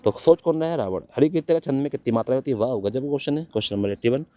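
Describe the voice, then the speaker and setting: A man's voice: medium pitch, very fast, mellow, no echo, lo-fi sound. A man teaching Hindi for exam prep, quizzing his students and answering his own questions.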